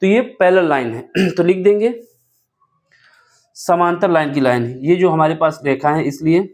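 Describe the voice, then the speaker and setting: A man's voice: on the high side, moderate pace. A man teaching a board-exam math lesson step by step, asking questions and answering them himself. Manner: asks rhetorical questions and answers them, self-correcting aloud.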